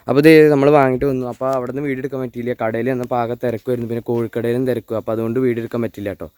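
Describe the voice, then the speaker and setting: A man's voice: mid-range voice, a little mellow. A young man with a Thrissur Malayalam accent vlogging casually, mixing English words into Malayalam and often addressing his viewers. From Kerala, India. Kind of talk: casual day-in-the-life vlog. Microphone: handheld camera or phone without external mic.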